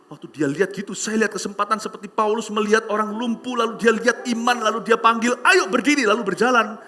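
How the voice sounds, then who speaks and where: A man preaching a sermon, telling stories animatedly and acting out voices with shouts and hushed asides. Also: high-pitched. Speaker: pastor. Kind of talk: sermon with storytelling.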